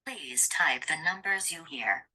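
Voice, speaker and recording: A synthetic woman's voice reading an automated audio captcha prompt from a computer, flat and robotic. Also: deep voice, unhurried, breathy edge, rough recording. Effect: automated audio captcha voice played from a computer.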